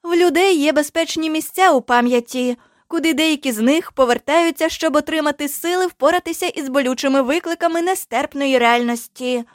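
A woman voicing a calm young woman, a mystical guide who explains patiently and jokes dryly. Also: high-pitched, brisk, no room sound, clean studio sound, natural voice.

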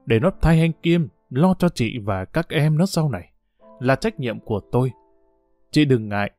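A man reading the lines of a firm, principled older official in a steady, reassuring way. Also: mid-range voice, lightly acted.

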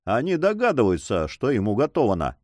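A man's voice: medium pitch, huge pitch swings, brisk, a little mellow, dry recording, clean studio sound. A man voicing a self-satisfied, swaggering Spanish coast guard captain in an audiobook. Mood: boastful.

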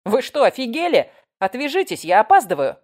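A woman voicing an indignant middle-aged woman passenger who loudly protests her innocence. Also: fairly low pitch, big pitch swings, fairly quick.

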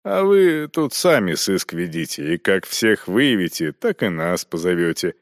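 A man voicing a worldly old monk inquisitor who talks in an unhurried, dismissive way. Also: low-pitched, big pitch swings, no echo, studio quality, heavily acted. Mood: lazy, dismissive.

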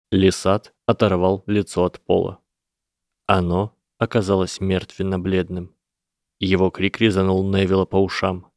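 A man reading fiction as an audiobook narrator, measured and unhurried. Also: low voice, creaky, a little mellow, no echo, studio quality. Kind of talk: scripted narration.

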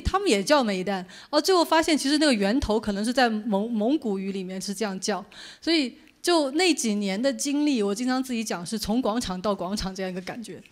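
Woman, moderately high voice, informal lecture, conversational, explanatory. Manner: conversational, explanatory, poses questions to listeners. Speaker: journalist giving a book talk.

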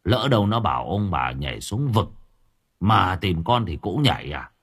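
A man voicing an arrogant young village thug who talks low, slow and taunting. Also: very animated, a bit bright, breathy edge, full character voice. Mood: scornful.

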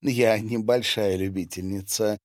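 A man voicing a reserved, quiet young woman doctor. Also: on the low side, steady tone, unhurried, dry recording, studio quality, lightly acted. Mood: polite.

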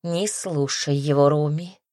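A woman's voice: low-pitched, steady tone, measured pace, warm tone, no echo, studio quality. Woman voicing a blunt tigress companion. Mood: scolding. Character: sharp-tongued female tigress companion.

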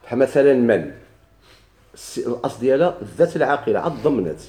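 Fast, mellow Moroccan male teacher. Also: mid-range voice, big pitch swings. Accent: Moroccan Arabic. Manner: asks the class questions and answers them himself. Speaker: grammar teacher. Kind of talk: classroom grammar lesson. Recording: echoey room.

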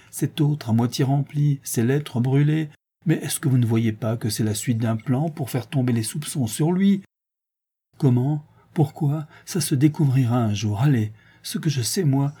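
A man's voice: mid-range voice, dark tone, slightly rough, natural voice. A man voicing a desperate middle-aged mother who pleads and protests to defend her accused son. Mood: pleading. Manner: pleading, indignant, breaking into cries.

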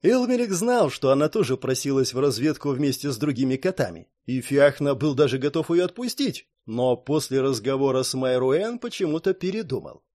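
Animated male audiobook narrator. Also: medium pitch, a little fast, few pauses. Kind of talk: expressive fantasy audiobook narration.

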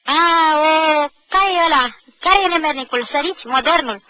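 A woman voicing a gang of rowdy teenage schoolboys, with loud, mock-heroic jeering. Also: high voice, voice pushed up. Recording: dull lo-fi 1990 radio recording.

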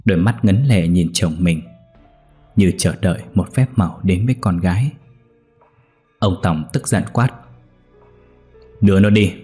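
A man narrating a dramatic folk tale in a measured storytelling way. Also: deep voice, dark tone, husky, soft background music.

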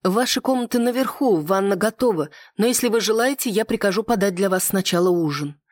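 A woman's voice: mid-range voice, lively intonation, a little fast, no room sound, clean studio sound, pitched above the performer's own voice, lightly acted. A reader voicing a nervous young noblewoman in an audiobook, speaking politely and hesitantly. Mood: anxious politeness. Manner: hesitant, courteous.

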